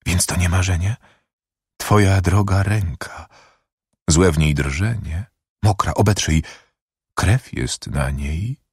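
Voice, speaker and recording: A man's voice: deep voice, slow, long pauses, a little mellow, slightly rough, no echo, studio quality, exaggerated voice. A man reading a verse drama audiobook, voicing a young imprisoned woman, frantic with grief, who pleads in a raised voice and breaks into whispers. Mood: anguished.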